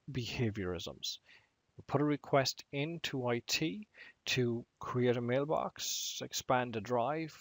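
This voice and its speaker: A man giving a technical training lecture on IT management, speaking in a measured way and slowing down to stress key words. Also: mid-range voice, no echo.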